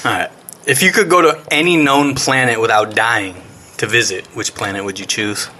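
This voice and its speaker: A man asks rapid-fire either-or questions on a casual podcast, chuckling between them. His voice is bright and forward. A faint hum of room ambience sits behind him. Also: mid-range voice. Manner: laughs often, rapid-fire quiz questions. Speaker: podcast co-host asking questions.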